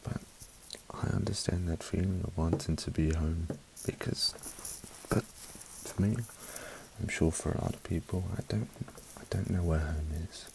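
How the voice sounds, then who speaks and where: Close to the microphone and half-whispering, a man from South Africa with a mixed British accent reviews an album ASMR-style, slow and soft with dry, wry asides. His deep, creaky voice holds a steady tone over background noise.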